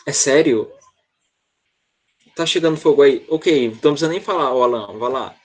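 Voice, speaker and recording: A man's voice: mid-range voice, a little fast. A Brazilian man teaching an online English class, talking casually and checking in with students often. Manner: chatty, relaxed, checks in often with "tá?".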